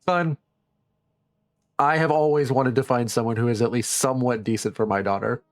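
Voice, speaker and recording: A man voicing a stern, strong-willed father in a tabletop game, speaking deliberately and confrontationally. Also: mid-range voice, steady tone, no room sound, natural voice. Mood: earnest.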